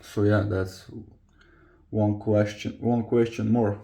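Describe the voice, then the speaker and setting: A young Croatian vlogger and football player talks slowly in a fairly low, gravelly, dark voice with a level tone. In casual confessional chat to camera, his accented non-native English comes haltingly as he hunts for words.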